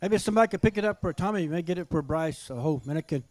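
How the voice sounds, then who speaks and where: A middle-aged or older man working as a powwow emcee, calling names and making announcements in a folksy, unhurried way, often repeating himself. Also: on the high side, lively intonation, darkish tone, no room sound. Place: live microphone at a powwow event.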